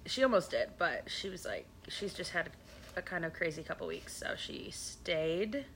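A young woman co-hosting a podcast chats casually, a bit sniffly from allergies, laughing often and dropping to a whisper for secrets. Her voice is fairly low and fairly bright, with big pitch swings at normal speed, over a little hiss or hum.

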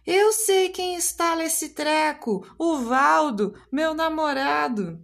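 A woman voicing an excited, shrill maid in a read-aloud children's story. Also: slow pace, creaky, full character voice. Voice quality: shrill, squeaky.

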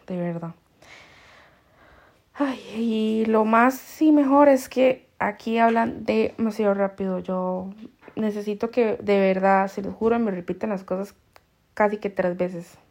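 A woman's voice: mid-range voice, creaky, a little mellow. A woman with a Costa Rican accent telling stories in a casual podcast chat, laughing often and using heavy slang. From Costa Rica. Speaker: podcast host.

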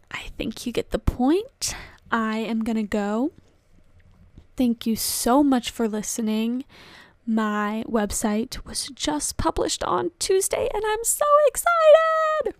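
Woman doing her own podcast, chill and slow, kinda self-aware, dry recording. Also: on the high side, creaky, dry recording. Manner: calm, unhurried, self-aware. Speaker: podcast host. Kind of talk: solo podcast talk.

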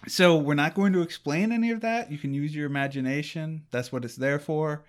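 A man's voice: fairly high pitch, brisk. A man hosting a casual podcast, wry and teasing as he steers the talk. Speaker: podcast host.

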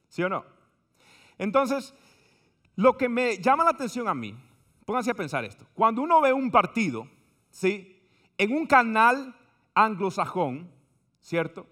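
A man preaching a humorous sermon, with a high voice and a bright, sharp edge. He tells stories in an animated way and acts out the voices of the people in them.

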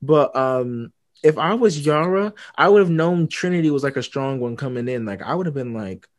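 A man co-hosting a casual chat, rambling quickly with lots of fillers and the odd swear. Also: medium pitch, expressive, no room sound, clean studio sound. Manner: rambling, fast, filler-heavy, swears freely. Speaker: podcast co-host.

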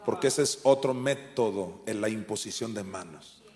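A man preaching a sermon, swinging from shouted commands down to quiet, low asides. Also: normal speed. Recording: long hall reverb.

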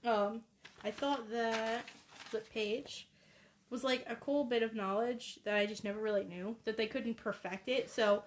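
Hesitant woman podcast host, slightly high. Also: steady tone, unhurried, slight background noise. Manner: hesitant, hedging, frequent ums. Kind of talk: casual podcast chat.

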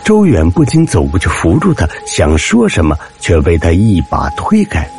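A man's voice: deep voice, wildly swooping pitch, moderate pace. A man narrating a suspense story in a dramatic, scripted telling. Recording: soft background music.

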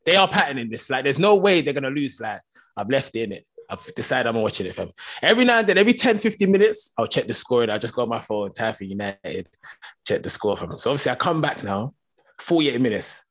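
A young man with a London roadman accent chats about football among friends. His voice sits at an average male pitch. He tells it as an animated story, packed with street slang and tag questions. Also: fast talker. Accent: London, multicultural street slang. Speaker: football fan panellist. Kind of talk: casual football banter.

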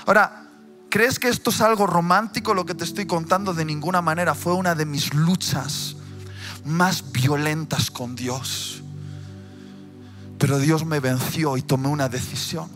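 A man preaching a sermon, telling a personal story and swinging from quiet storytelling to loud, impassioned preaching. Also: fairly high pitch, fairly even intonation, unhurried. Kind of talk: emotional sermon testimony. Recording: music playing behind the voice.

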